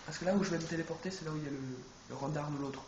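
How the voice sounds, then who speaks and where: Stuffed up with a cold, a man talks rapid-fire while playing a video game, rambling and frequently fixing what he says. His voice is fairly high with fairly even intonation, and the echoey room carries background noise.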